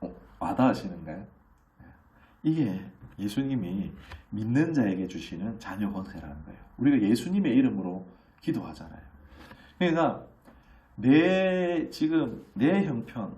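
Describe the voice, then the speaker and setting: Animated middle-aged Korean pastor preaching. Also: male voice, fairly low pitch, recorded from a distance, highs cut off. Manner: animated, acts out children's voices in quotes; conversational, asks the congregation questions. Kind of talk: sermon.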